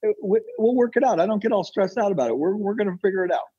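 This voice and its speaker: Talking very fast in a high, mellow, slightly rough voice over lo-fi sound, an American podcast guest from the United States shares opinionated interview answers. The entrepreneur and author is insistent and emphatic, repeating phrases for effect.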